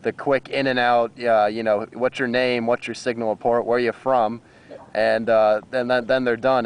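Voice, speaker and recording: An American ham radio operator chats casually on the air, rambling and hesitant. His mid-range voice is clear with a resonant tone.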